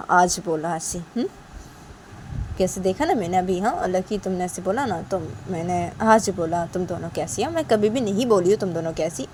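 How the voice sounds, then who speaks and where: A woman's voice: fairly low pitch, a little mellow, slight background noise, natural voice. A woman voicing a middle-aged mother who keeps questioning, tacking on nagging tag questions.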